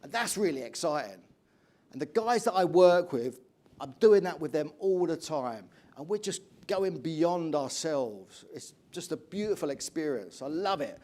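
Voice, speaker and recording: High-voiced English motivational speaker, man. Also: measured pace. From England. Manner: energetic storytelling, asks the audience questions. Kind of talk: motivational keynote speech.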